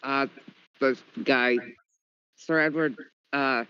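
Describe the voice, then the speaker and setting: A man's voice: medium pitch, fairly even intonation, takes it slowly, a little hiss or hum. A man playing a tabletop game, narrating casually in broken, hesitant phrases over a muffled mic.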